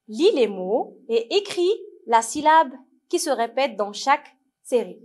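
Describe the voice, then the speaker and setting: A woman teacher with a Moroccan accent, slowly sounding out words and syllables for young children to repeat. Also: high voice, expressive, darkish tone. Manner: slow, clearly syllabled, repeating words for children to read along. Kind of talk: French lesson for young children.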